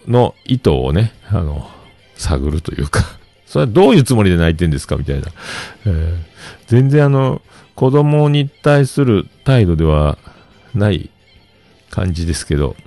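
Deep-voiced man in his fifties, animated, filler-heavy solo stream storyteller. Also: unhurried, no echo, faint music behind. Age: 50s. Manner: animated, rambling anecdotes with many fillers. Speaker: livestream host.

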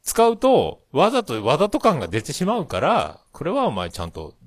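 Gruff, mock-insulting man with a Hakata dialect. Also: a little high, huge pitch swings, normal speed, no room sound, studio quality. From Fukuoka, Japan. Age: late 40s. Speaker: podcast co-host. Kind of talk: casual banter over video call. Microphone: video call.

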